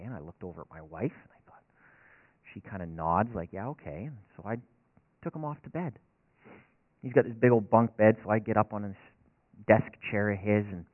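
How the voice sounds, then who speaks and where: This fairly low-voiced man talks briskly but leaves long pauses, with no echo around him. He's a racetrack chaplain from northern Alberta, preaching through a sincere, homespun tale at his own expense, captured with a dry, phone-like tinniness.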